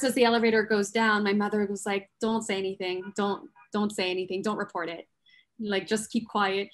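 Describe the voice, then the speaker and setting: A woman speaks on a panel discussion with an earnest, reflective tone. She tells a personal story at a mid pitch for a woman, often pausing with fillers and restarting her sentences. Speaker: panel guest. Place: New York.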